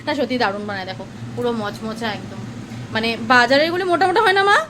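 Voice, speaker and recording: A woman's voice: fairly high pitch, animated, quick pace, noisy background. A young woman from India chatting to her viewers while cooking in her home kitchen for a casual vlog. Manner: chatty, talks straight to viewers. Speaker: vlogger.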